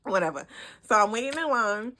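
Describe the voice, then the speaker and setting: A young woman, telling a story in a chatty, animated vlog. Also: on the high side, a little fast. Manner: chatty, animated, frequent "like" and "whatever". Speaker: vlogger.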